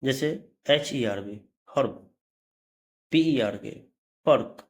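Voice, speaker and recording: A man's voice: mid-range voice, a little slow. A man teaching English pronunciation, spelling words out letter by letter and then saying them, correcting himself now and then. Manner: corrects himself mid-lesson. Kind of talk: slow explanatory lesson.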